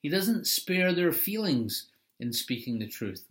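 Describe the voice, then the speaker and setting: A man's voice: fairly high pitch, sing-song, a little slow, fairly bright tone. Conversational man preaching a sermon. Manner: explanatory, conversational preaching with asides. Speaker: pastor.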